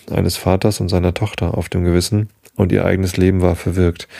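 A man reading the lines of a calm, grim male prisoner who is dying, in a deliberate tone. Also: deep voice, gravelly, no room sound, studio quality.

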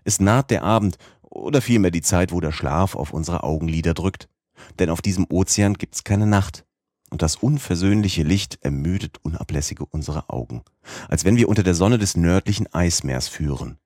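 Low, husky male audiobook narrator. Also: no room sound, clean studio sound. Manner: measured, steady reading. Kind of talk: scripted narration of a classic novel.

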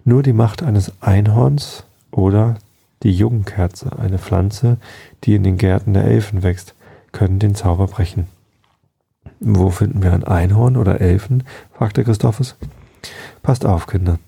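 A man reading a bedtime story aloud in a calm, soft-spoken way. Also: fairly low pitch, unhurried, creaky, slightly rough.

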